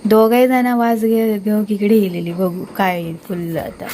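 A woman's voice: mid-range voice, little pitch movement, measured pace, warm tone, a little hiss or hum, rough recording. A woman with a Marathi accent narrating a casual home pet vlog on her phone, chatting to viewers and scolding and coaxing her dog. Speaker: pet vlogger.

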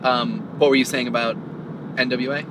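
A man's voice: medium pitch, steady tone, a little fast. A man co-hosting a podcast, chatting thoughtfully about music while driving, with many restarts. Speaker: podcast co-host. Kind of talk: casual chat on a road trip. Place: inside a moving car. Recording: distant mic, loud road noise in a car.

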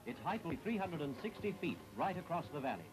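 A man's voice: on the high side, very animated, fast talker, music in the background, poor audio. A man giving formal, announcing narration on an old 1960s newsreel soundtrack.

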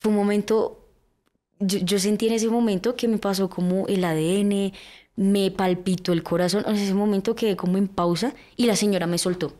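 A young woman with a Colombian accent is the guest on a podcast interview, recounting her past. Her voice is middle in pitch. She narrates in a loose, chatty way, fills gaps with small fillers, and slips into the voices of the people she remembers. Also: fairly quick. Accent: Colombian Spanish. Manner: lively narration full of fillers, with acted-out quotes. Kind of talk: personal storytelling in a podcast interview.

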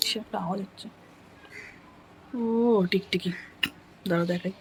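A woman from India chatting softly through a casual daily home vlog, rambling with little fillers. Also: lowish voice, fairly even intonation, normal speed, a little hiss or hum. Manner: talking softly so her son can sleep. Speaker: home vlogger.

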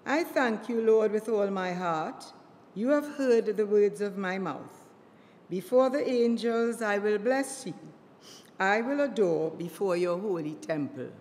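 A woman's voice: medium pitch, animated, measured pace, darkish tone. An elderly woman in her seventies reading scripture solemnly as a lector, in an echoing church. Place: inside a church. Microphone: microphone on lectern stand. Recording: church reverb with clear background noise.

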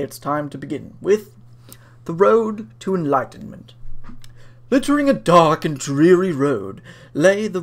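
A person giving a dramatic reading in a solemn, hammy stage-actor manner. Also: mid-range voice. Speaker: dramatic reader of a web page.

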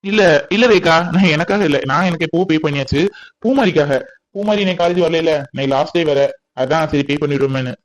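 A man plays an easygoing young college man in a cartoon, talking quickly. He explains things in a casual, friendly way. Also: on the high side, natural voice. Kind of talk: cartoon voice acting.

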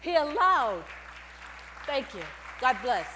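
Slow and high-pitched, an older woman in purple testifies from the pulpit of a large sanctuary as crowd noise rises around her. She tells animated stories and calls out to the congregation, recorded through a headset mic with long reverb and mains hum.

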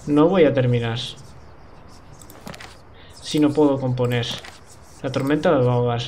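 A man's voice: medium pitch, fairly even intonation, normal speed, dark tone, a little hiss or hum, close to an everyday voice. Man reading a frightened woman composer. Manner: frightened, pleading. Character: anxious young woman composer in a storm.

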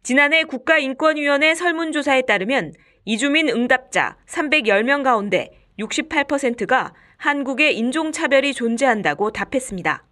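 A woman's voice: high voice, lively intonation, brisk, hardly any pauses, pushed and bright. A woman reporter reading scripted narration for a television news report.

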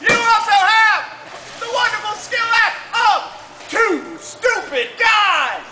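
A man performing hammy Renaissance fair comedy patter in a grandiose announcer's manner, shouting to an outdoor crowd. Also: very high voice, takes it slowly. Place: outdoor wooded fair stage with mud pit. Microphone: distant camera in the audience. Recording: noisy roomy crowd recording from the audience.

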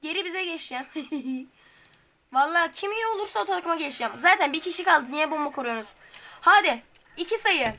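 A woman, hosting a gaming video with casual gameplay commentary. She chats straight to the viewers and bursts into high, frustrated yelps. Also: expressive, quick pace, sharp tone. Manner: talks straight to viewers, colloquial.

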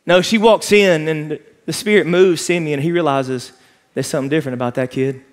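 Pitched slightly high, this man's voice moves at a brisk clip with fairly level intonation. As pastor of a large church, he paces the auditorium stage while preaching a fervent, forceful sermon.

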